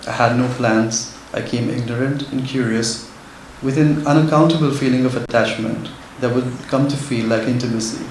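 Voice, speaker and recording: Nervous but earnest, this male author delivers his prepared literary speech at a moderate pace in a medium-pitched voice, barely pausing. His words bounce around a very echoey indoor hall where faint background noise lingers.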